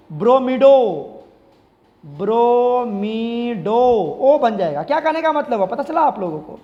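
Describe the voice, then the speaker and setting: A man's voice: extremely high pitch, in a large hall. A male chemistry teacher, giving a classroom lecture and repeatedly asking the class questions and answering them himself. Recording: slightly dull lo-fi sound.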